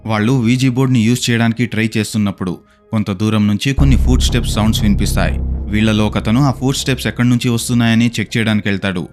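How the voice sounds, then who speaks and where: Fast-talking man narrating ghost clips. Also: on the low side. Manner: brisk, steady storytelling, asks viewers questions. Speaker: narrator of a ghost video compilation. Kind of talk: scripted narration.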